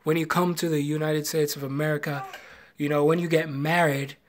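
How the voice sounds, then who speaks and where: A man's voice: a little high, a little fast. Jamaican man telling a story live. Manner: rambling, animated storyteller who retells conversations. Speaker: vlogger.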